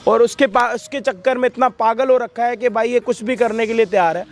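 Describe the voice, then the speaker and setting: High-voiced man scolding, preachy vlog host. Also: steady tone, fairly quick. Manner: preachy, scolding, addresses viewers as brothers. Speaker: prank and social video host. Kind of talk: emotional street-video presenting.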